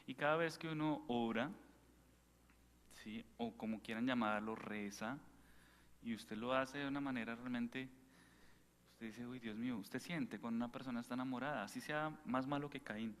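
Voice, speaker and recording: A man preaching an informal sermon at a parish retreat, animated and full of rhetorical questions. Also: medium pitch, in a large hall, a little hiss or hum. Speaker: priest giving a retreat talk.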